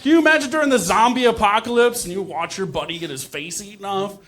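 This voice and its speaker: A man's voice: high-pitched, fast talker, fairly bright tone. A man doing self-deprecating stand-up comedy in a conversational way, acting out dialogue, with crowd laughter. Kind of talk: stand-up comedy storytelling to a live audience. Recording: noisy live comedy show, audience laughter.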